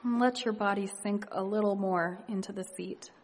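A woman leading a guided meditation and reading reflective poetry in a hushed, gentle, unhurried manner with long pauses. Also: mid-range voice, fairly even intonation. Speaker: meditation leader. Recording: long reverberant hall echo.

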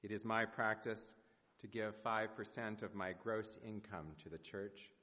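A man preaching a prepared sermon, speaking in measured, rhetorical phrases with deliberate pauses in a church. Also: fairly low pitch, fairly bright tone. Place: large indoor church sanctuary. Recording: reverberant church hall.

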